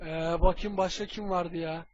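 A high-voiced, bossy cartoon hero played by a man in a comedy parody dub. He is scatterbrained and crude, swinging between slangy muttering and blurted orders. The audio is dull and lo-fi. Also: steady tone, normal speed, a little hiss or hum, lightly acted. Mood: puzzled, muttering.

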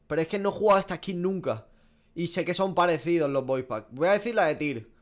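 A young Spanish gaming streamer with a Spanish accent guesses game skins in a small indoor room, talking quickly in a slightly high voice. He's animated and self-mocking, reacting casually and swearing a lot.

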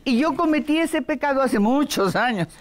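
During a relaxed interview chat, this older woman, a longtime voice actress and dubbing director with a Mexican Spanish accent, recounts stories with energy and mimics voices for fun. Her voice is high and moves at a normal speed.

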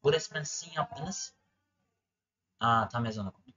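A man's voice: mid-range voice, normal speed, pushed and bright, lo-fi sound. A young man from Turkey commentating his racing game for viewers, ranting and cursing at it in frustration. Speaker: gaming streamer. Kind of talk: gameplay commentary.

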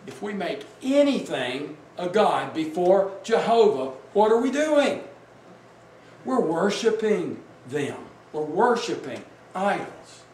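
Slow, high-voiced preacher in an echoey hall. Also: male voice, big pitch swings, darkish tone. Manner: emphatic, asks the congregation questions. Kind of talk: sermon. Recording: echoey room, mic at a distance, faint background noise.

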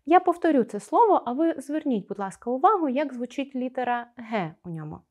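Woman teacher, scripted video lesson, careful articulation, animated, somewhat high delivery. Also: a little fast. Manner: careful, articulated pronunciation of sounds; expressive, explaining to pupils.

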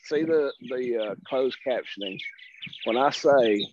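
A middle-aged man with a Southern American accent chats casually as a guest presenter on a video call, folksy and quick to poke fun at himself. His mid-range voice moves at a measured pace, and the call audio is muffled with a faint hiss.

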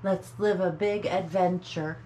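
A woman's voice: fairly low pitch, steady tone, measured pace, background noise. A woman from Pennsylvania chatting casually as a travel companion. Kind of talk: casual chat.

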